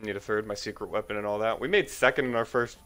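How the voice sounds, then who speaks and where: A man streaming a game with a friend, chatting casually and joking between quick tactical callouts. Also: fairly low pitch, a bit bright. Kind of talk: casual gaming chat.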